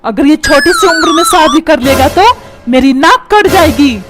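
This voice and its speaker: A hot-headed cartoon father who rants and threatens, in a squeaky, shrill voice, as a woman puts him on. He talks over loud background music. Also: huge pitch swings, moderate pace. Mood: ranting. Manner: scolding, shouting threats. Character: short-tempered middle-aged father, blustering and threatening. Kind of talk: comic cartoon dubbing. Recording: music playing loudly underneath.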